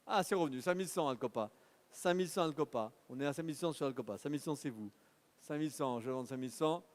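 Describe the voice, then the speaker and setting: A man with a high voice calls out bids at a car auction, rattling off numbers in a rhythmic patter and urging the bidders on. His voice rings with a long reverb across the auction hall. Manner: rapid rhythmic bid calling, urging bidders. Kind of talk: live car auction calling.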